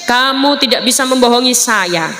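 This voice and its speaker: A woman preacher voicing a prophet as a calm, firm man who refuses with dignity. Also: fairly high pitch, moderate pace, soft background music. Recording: echoey hall with faint noise.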